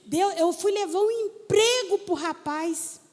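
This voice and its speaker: A woman pastor preaching a sermon, telling stories and talking straight to the congregation in an animated way. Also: very high-pitched, slow pace. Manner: animated storytelling preacher, talks to the congregation directly. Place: church hall. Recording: church hall with long reverb.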